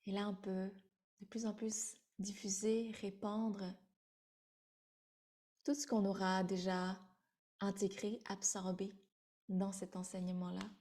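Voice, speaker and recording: A woman in her thirties, originally from Vietnam, leads a spiritual sharing circle in an unhurried, meditative way. Her voice is soft and dark in tone, and her pitch stays level and even. She hesitates often and repeats words as she searches for them. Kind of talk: spiritual talk to an online audience.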